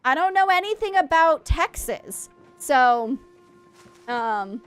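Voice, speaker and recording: A woman's voice: high voice, sing-song, slow pace, soft background music. A woman from Maine streaming a game, chatting in a rambling way with her viewers and laughing often. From Maine, USA. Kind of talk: casual chat while streaming a game.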